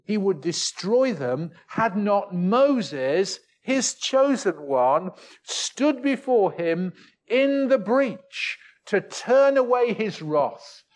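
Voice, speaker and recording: A man preaching a sermon, earnest and full of rhetorical tag questions, slowing and dropping his voice to stress key words. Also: sits high, very animated.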